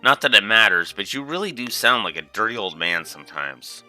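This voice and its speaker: A man voicing a blunt, excitable teenage girl in a video game, brash and slangy. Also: lowish voice, fairly quick, no room sound, soft background music. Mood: scornful.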